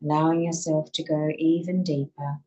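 A woman guiding a listener through muscle relaxation in a slow, soothing voice. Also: deep voice, level tone, mellow, breathy edge. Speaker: relaxation guide. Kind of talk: guided relaxation.

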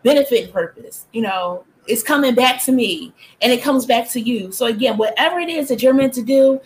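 A woman's voice: on the high side, animated, a little fast, low-quality recording. A woman hosting a community talk show, affirming and enthusiastic in an encouraging, preacherly way. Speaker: host.

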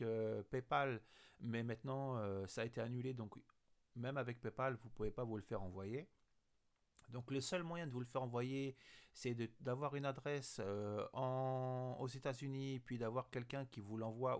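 A man hosting a casual news roundup about tabletop games, speaking hesitantly with many fillers and restarts. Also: medium pitch. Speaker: host.

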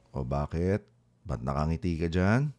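An actor playing an affectionate, teasing boyfriend in a radio drama, playful and quick to laugh. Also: male voice, deep voice, darkish tone, heavily acted. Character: affectionate teasing boyfriend, a few years older.

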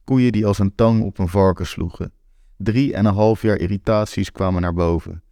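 A man's voice: on the low side, moderate pace, dark tone, dry recording, studio quality. A man in his twenties reading a first-person story aloud, candid and wry. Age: 20s. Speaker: narrator.

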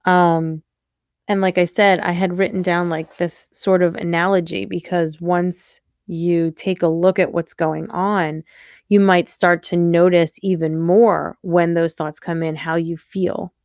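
A woman's voice: fairly low pitch, little pitch movement, unhurried, a little mellow, no echo, highs cut off. A young adult woman hosting a podcast as a coach, speaking frankly in a casual reflective monologue and swearing now and then. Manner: frank and candid, occasional swearing.

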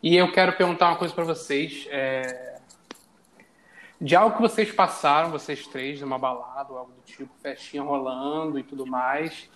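A man with a Brazilian Portuguese accent hosting a casual chat, asking his guests questions in a playful, relaxed way. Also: fairly high pitch, moderate pace. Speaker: podcast host.

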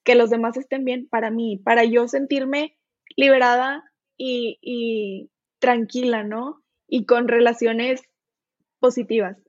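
Woman, Mexican accent, high voice, child psychologist, explanatory, dry dull recording. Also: level tone, slow pace, dry recording. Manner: warm explanatory, acts out parent-child dialogue. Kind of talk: podcast interview.

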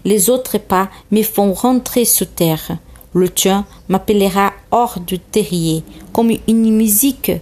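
Storybook fox, wistful and patient, slow soft delivery, a woman doing it as she reads, portuguese speaker. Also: medium pitch, close to an everyday voice. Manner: slow, gentle, halting read-aloud.

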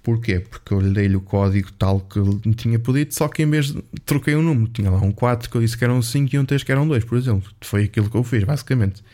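A man with a European Portuguese accent tells a story in a casual, chatty way as a vlogger, swearing freely. His voice sits at an ordinary middle pitch for a man. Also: quick pace, hardly any pauses, dark tone.

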